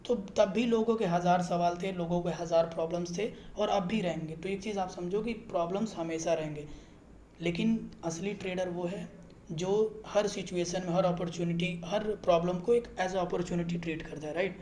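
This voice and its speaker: This is a male channel host giving a laid-back screen recording on how a trading app works, pausing often to make sure viewers understand. He speaks at a normal pace in a high, darkish voice, and the sound is roomy with slight hiss or hum.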